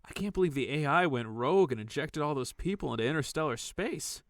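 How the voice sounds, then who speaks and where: A man's voice: on the high side, expressive, brisk, no echo, studio quality. A man playing a conscientious, cautious and inquisitive salvage worker in a science fiction audio drama. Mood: curious, wary.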